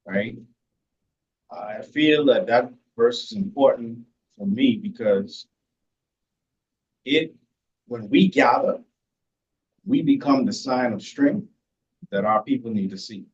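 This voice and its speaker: Slow, earnest man, lo-fi sound. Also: mid-range voice, animated. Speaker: panel guest. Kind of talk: reflective faith discussion. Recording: dull lo-fi sound.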